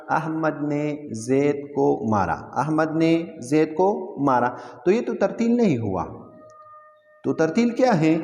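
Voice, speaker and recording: Lively male teacher in an echoey room. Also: sits high. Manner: lively teaching with repeated questions to students. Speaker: Quran recitation teacher. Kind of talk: classroom lesson explaining Tajweed terms. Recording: echoey room with long reverb.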